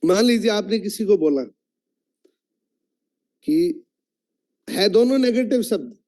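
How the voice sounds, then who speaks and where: A man leads an online training session, putting questions to his listeners as he explains. His voice sits a little high but sounds warm and mellow. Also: animated, slow pace. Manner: instructive, asks the audience questions.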